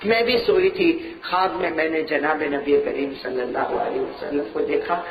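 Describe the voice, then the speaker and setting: A man preaching a sermon, telling a story and acting out its dialogue, swinging from loud calls to soft low lines and asking his listeners questions. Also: steady tone, echoey room, distant mic, highs cut off. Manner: asks the crowd questions and acts out dialogue.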